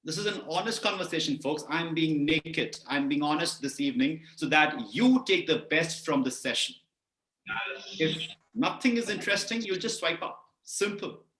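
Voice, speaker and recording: A man with an Indian English accent giving an animated webinar talk on public speaking, often putting questions to his listeners. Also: a little high, normal speed, roomy sound. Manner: animated, lots of vocal variety, keeps asking the audience questions.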